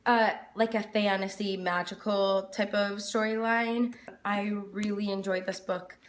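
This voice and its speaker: A woman hosting a book review video chats casually to camera, rambling somewhat, at a slightly slow pace with fairly even intonation and a medium pitch. The room is echoey, and there's slight background noise.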